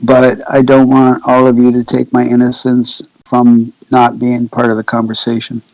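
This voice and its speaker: Low gravelly guy on a video call, slow and even, lays out his point step by step. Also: dry recording, poor audio. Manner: measured, methodical reasoning. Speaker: roundtable guest. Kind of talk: casual discussion.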